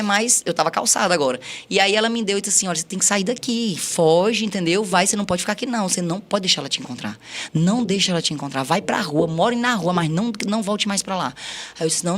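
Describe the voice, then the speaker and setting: A woman's voice: lowish voice, fairly bright tone. A woman on a podcast recounting her life story, acting out quoted dialogue with many repeats.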